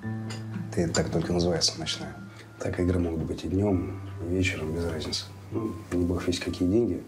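An actor playing a calm, reserved hockey coach in naturalistic TV drama dialogue. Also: male voice, sits low, fairly quick, over music, natural voice.

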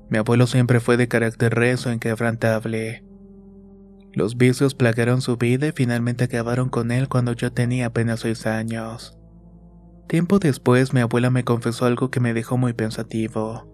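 A man reading a first-person horror story in a slow, measured, scripted narration. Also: medium pitch, darkish tone. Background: faint music.

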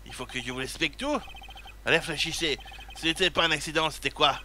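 A man's voice: fairly high pitch, brisk, background noise, natural voice. A man reading a cold, domineering woman boss. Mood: scornful.

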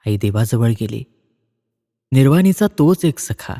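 A man narrating a classic story in a measured, expressive reading. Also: medium pitch. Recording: long reverb.

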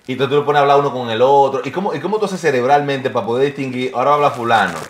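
Fast-talking interviewer. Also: male voice, medium pitch, reverberant. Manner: rapid, curious questioning. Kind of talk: casual interview.

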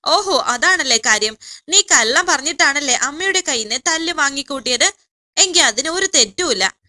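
A woman's voice: sits high, lively intonation, moderate pace, sharp tone, heavily acted. A woman voicing a brusque young man scolding a crying girl on the phone, in a serial story recap. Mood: impatient. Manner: curt, scolding. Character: impatient curt young man.

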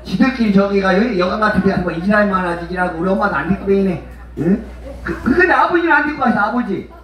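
High-voiced brash man heckling a festival crowd. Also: expressive, quick pace, a bit bright. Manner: teasing, brash, calls listeners mother and father. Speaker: pumba street entertainer. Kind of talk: bawdy comic banter with the crowd. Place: outdoor festival stage. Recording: heavy echo, voice from far off.

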